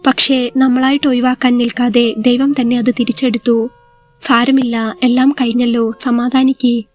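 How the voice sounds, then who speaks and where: A woman voicing an injured young husband who speaks softly and reassuringly in a spoken story. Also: fairly high pitch, level tone, moderate pace, natural voice. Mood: consoling. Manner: soft, reassuring.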